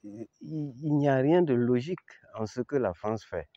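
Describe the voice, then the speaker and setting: An older man with a Chadian accent giving an informal historical account, halting and searching for words, yet emphatic with the listener. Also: medium pitch, lively intonation, gravelly, warm tone, dry recording, lo-fi sound. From Chad. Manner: halting, with repeated words and long searching pauses. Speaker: eyewitness commentator on history.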